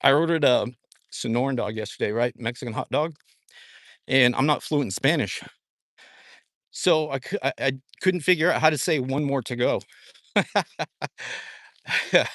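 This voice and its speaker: A man's voice: medium pitch, normal speed, long pauses, fairly bright tone, no echo, studio quality. Laid-back man chatting on a walk. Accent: Southwestern American. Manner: laid-back, chuckles often, joking about his broken Spanish. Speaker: livestream host. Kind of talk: casual live-stream chat while walking. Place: outdoors, walking in a dry wash.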